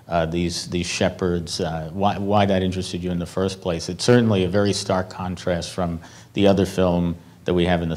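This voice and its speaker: A man's voice: sits low, a little mellow. A man moderating a festival Q&A, asking long, winding questions full of restarts. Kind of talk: onstage Q&A moderating. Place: film festival stage before an audience.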